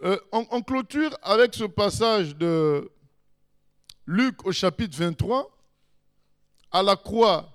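A man's voice: high voice, animated, takes it slowly, pauses often. A man preaching a sermon in an emphatic way, with sudden rises in his voice.

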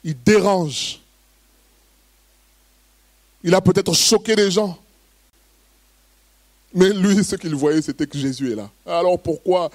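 Animated French-speaking male preacher. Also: sits high, slow pace, long pauses, no echo. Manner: reads scripture calmly, then preaches with rising, emphatic bursts. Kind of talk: sermon with Bible reading.

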